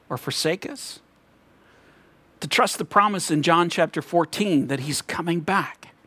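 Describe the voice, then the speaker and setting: Earnest high-voiced man telling a faith story. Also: fairly bright tone, breathy edge, no room sound. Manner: earnest storytelling with rising emphatic peaks. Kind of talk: reflective devotional talk.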